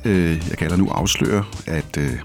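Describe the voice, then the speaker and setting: Man hosting a book show, low gravelly voice, relaxed with fillers, faint music behind. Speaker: literature podcast host. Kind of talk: casual radio talk.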